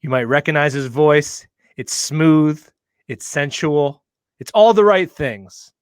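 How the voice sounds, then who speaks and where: Jokey podcast host with a lighter voice. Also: male voice, fairly high pitch, expressive, clear, resonant tone, no echo, studio quality. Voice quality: whiny comedian voice. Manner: jokey, self-deprecating, quick laughs. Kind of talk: casual chat.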